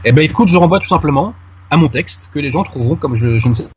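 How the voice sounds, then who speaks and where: A man's voice: a little high, expressive, quick pace, a little mellow, highs cut off, slight background noise. A man making a detailed argument in conversation with a host, addressing him familiarly. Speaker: guest commentator. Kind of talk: conversational argument on a radio-style show.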